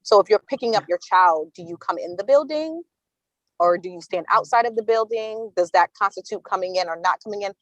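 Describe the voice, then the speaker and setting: A woman's voice: mid-range voice, a little fast, no room sound, rough recording. Woman on a car speakerphone. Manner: hesitant, many fillers and restarts. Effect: call from a car speakerphone while driving. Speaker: committee meeting participant. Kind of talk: casual meeting discussion on a call. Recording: dry speakerphone audio from a car.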